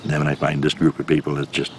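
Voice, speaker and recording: A man's voice: extremely low pitch, monotone, quick pace, slight background noise. An older man speaking in an interview, reflective and plain-spoken. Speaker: interviewee, fan. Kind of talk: candid interview.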